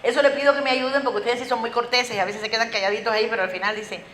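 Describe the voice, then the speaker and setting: A woman with a Cuban accent giving a lively, very fast lecture to teachers, asking many rhetorical questions. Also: on the high side. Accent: Cuban Spanish. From Cuba. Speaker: conference speaker. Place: school auditorium. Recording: echoey hall with faint noise.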